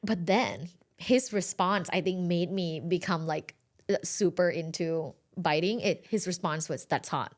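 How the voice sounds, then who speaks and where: A woman's voice: on the low side, a little slow. A woman in her thirties guesting on a podcast, telling stories in a casual chat and laughing often. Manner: laughs often, animated storytelling.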